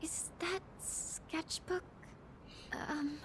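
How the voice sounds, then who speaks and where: An actress playing a gentle, shy teenage schoolgirl in a dubbed anime game, soft-spoken and hesitant. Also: extremely high pitch, fairly even intonation, drawn-out words, noisy background, heavily acted.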